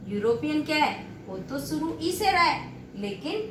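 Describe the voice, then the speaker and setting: A woman's voice: high voice, very animated, a little slow. A woman teaching an English grammar lesson, asking questions and answering them herself, repeating the key points. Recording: echoey room with faint background noise.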